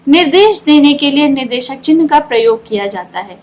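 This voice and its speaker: A woman gives an online grammar lesson in a high, clear voice. She explains step by step and reads her examples out slowly and deliberately. A faint hum of room ambience sits under her voice. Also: animated, poor audio. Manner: explains step by step, asks questions and answers them herself. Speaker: online Hindi teacher.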